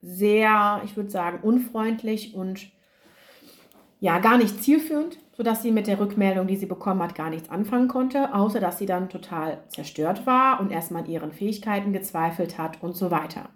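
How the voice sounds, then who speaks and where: A woman coaches academic writers on her own podcast, keeping it conversational and full of fillers at a moderate pace. Her voice is medium in pitch and slightly hoarse.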